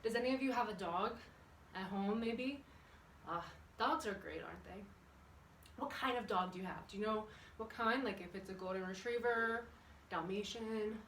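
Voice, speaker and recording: Now mid-range and fairly bright, she speaks at a normal speed but leaves long pauses. As a kids' exercise and yoga instructor, she keeps up a chatty, encouraging patter, posing questions to the young participants during the workout. The room is echoey, the mic distant, and background noise is audible.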